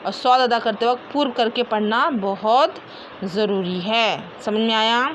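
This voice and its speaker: A woman teacher, slowly drilling letter sounds and repeating each one aloud, often checking with "है ना?". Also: fairly high pitch, a bit bright, slight background noise. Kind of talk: Quran letter pronunciation lesson.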